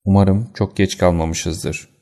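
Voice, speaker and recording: A man voicing a sharp, decisive male detective who gives brisk commands in an audiobook. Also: low-pitched, steady tone, gravelly, heavily acted.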